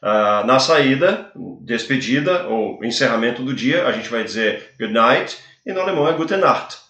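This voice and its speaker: A man from Brazil, an English teacher co-hosting, explaining in a measured, deliberate way. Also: mid-range voice, animated, sharp tone, reverberant, lo-fi sound. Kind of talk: casual classroom-style chat.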